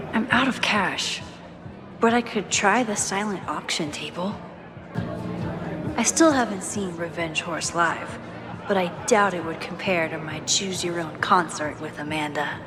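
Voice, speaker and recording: Speaking slowly with long pauses and a fairly low pitch, this woman performs a video game role: a caring, introspective young photographer with powers, quietly weighed down. The mood is musing, mixing inner monologue with casual talk, and both crowd noise and background music can be heard.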